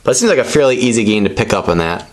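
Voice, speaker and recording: A man's voice: lowish voice, expressive, rapid-fire. A man giving casual, unscripted commentary as he presents trading cards, explaining things in a rambling, tentative way. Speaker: presenter opening trading card packs.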